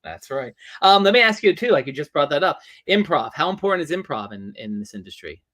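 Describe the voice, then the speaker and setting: A man's voice: a little high, fairly quick, dry recording. A man hosting a live interview, casually affirming his guest and reading out viewer questions. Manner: relaxed, affirming listener, reads viewer questions. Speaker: interview host.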